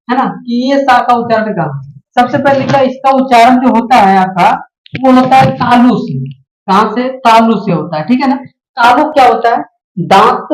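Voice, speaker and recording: A woman's voice: fairly high pitch, echoey room, poor audio. A woman teaching children the alphabet, patiently explaining and checking in with little questions as she goes. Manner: patient, repeats "है ना" and asks questions to pupils. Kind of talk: explaining Hindi alphabet lesson.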